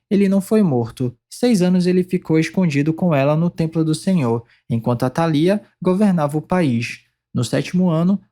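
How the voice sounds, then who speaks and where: A man reading Bible scripture aloud in a steady, measured way, pausing between phrases. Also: fairly high pitch. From Brazil. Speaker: Bible reader.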